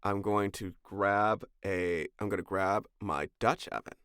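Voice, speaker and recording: A man co-hosting a podcast in casual chat, telling a story with animated, gleefully deadpan delivery. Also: sits low, measured pace, smooth, dry recording, studio quality. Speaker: podcast co-host.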